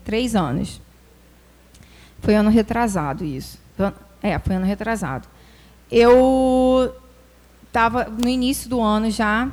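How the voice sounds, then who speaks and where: A woman, a preschool teacher, telling a personal classroom story in an animated way, acting out quoted voices and using religious phrasing. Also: fairly high pitch. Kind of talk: personal testimony talk.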